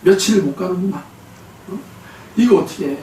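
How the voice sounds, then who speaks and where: Man doing a high, scolding angry wife inside a sermon story, loud, echoey church hall, distant mic. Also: moderate pace, slight background noise, natural voice. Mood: exasperated. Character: furious wife scolding her husband.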